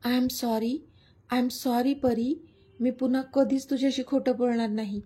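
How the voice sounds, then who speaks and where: A lovestruck, teasing young hero from a romance storybook, read by a woman narrator. His lines come soft, slow and tender. The voice sits fairly high, with a warm, breathy tone. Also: fairly even intonation.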